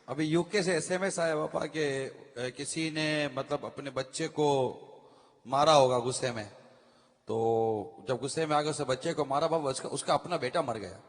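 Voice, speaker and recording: A man, the speaker's son, reading out a text message in a quiet, matter-of-fact way. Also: a little high, long reverb tail.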